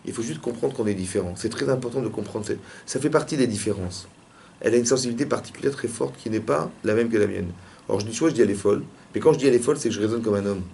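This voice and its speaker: A man, a rabbi, teaching a lively religious lesson in a classroom and pressing his students with repeated questions. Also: on the low side, very fast, creaky, slight background noise.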